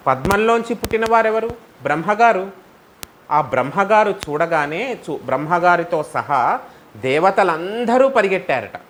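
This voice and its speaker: A man teaching a devotional scripture class who asks his listeners one rhetorical question after another and chants verses in a measured cadence. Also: high-pitched, lively intonation, a bit bright, a little hiss or hum. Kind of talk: devotional storytelling lesson.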